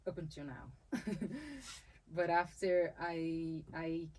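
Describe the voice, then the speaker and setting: Her darkish voice sits low with little pitch movement and a slow pace. A dancer and capoeira teacher from Salvador, Bahia, Brazil, she speaks Portuguese as her first language and has a Brazilian accent. The conversational interview shows her as thoughtful, often restarting phrases and laughing easily.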